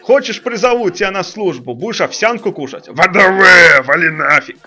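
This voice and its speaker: A man's voice: sits high, lively intonation, moderate pace, sharp tone, exaggerated voice. A man voicing a bullying, foul-mouthed army drill sergeant who barks commands and insults in a comic parody dub. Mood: brusque.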